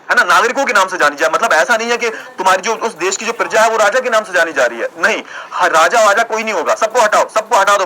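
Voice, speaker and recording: Man, teacher, live online lecture, chatty and joking, very bright tone. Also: high-pitched, rough recording. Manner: chatty, playful, switches to English words.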